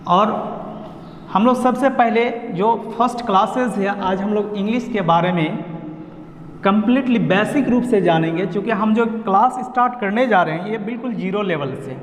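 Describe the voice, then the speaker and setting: A man with a Bihar accent gives an online lesson, explaining pronunciation slowly and repeating himself. His voice sits high. The room is echoey, with a long reverb trailing behind him. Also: slight background noise. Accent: Indian, Bihar. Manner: slow, repetitive explaining of pronunciation. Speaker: English teacher.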